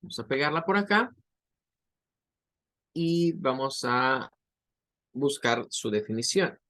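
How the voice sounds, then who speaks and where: A man's voice: medium pitch, expressive, takes it slowly, a bit bright. A man teaching an online pronunciation lesson, patiently repeating words to model each sound. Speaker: English teacher.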